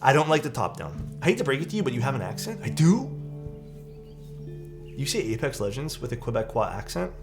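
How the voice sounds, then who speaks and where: In his room at home, a young Canadian man reads chat messages during a casual livestream, his speech a little fast and medium-pitched. He's excitable and rambly, leaning on "like" and "dude," with background music behind him.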